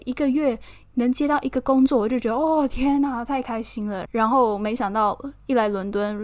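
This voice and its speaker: A woman from Taiwan with a Taiwanese Mandarin accent, chatting casually and expressively as a podcast host, laughing often. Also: a little high. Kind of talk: casual personal chat.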